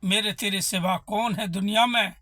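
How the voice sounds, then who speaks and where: A man's voice: sits high, fairly even intonation, normal speed, bright, forceful tone, no echo, studio quality. A man voicing a frail, widowed old mother in a devotional story, pleading through tears. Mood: tearful pleading. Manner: pleading, tearful.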